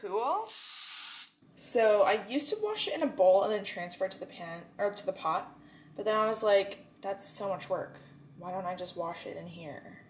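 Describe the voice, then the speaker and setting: A woman's voice: mid-range voice, lively intonation, normal speed, a little hiss or hum. A young woman in her twenties chatting casually in a home vlog, rambling with lots of "like" and "um.". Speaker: lifestyle vlogger. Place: home kitchen and bathroom. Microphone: on-camera mic.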